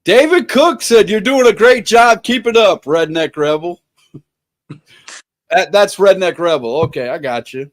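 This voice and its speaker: An unhurried man with a high-pitched voice and lively intonation runs a casual online interview. Full of enthusiasm, he reads out questions from viewers, often repeating words and restarting.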